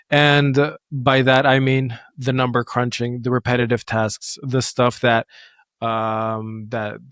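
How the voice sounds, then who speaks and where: Bulgarian-born male guest, mid-pitch, flat even delivery, dry recording. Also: no room sound. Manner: steady, even-toned, reassuring advice. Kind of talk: casual interview talk.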